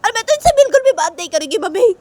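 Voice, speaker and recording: A woman's voice: very high-pitched, sing-song, fast talker, pitched above the performer's own voice. A woman voicing a sulky young woman in a love story, whiny and indignant, repeating herself. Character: sulky young woman lover, quick to complain.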